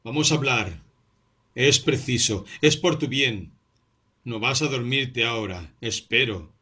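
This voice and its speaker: Audiobook role: man voicing an anxious, pleading young friend, bright and husky tone. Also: mid-range voice, slow, exaggerated voice. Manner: urgent, pleading. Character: distraught young male clerk, devoted friend.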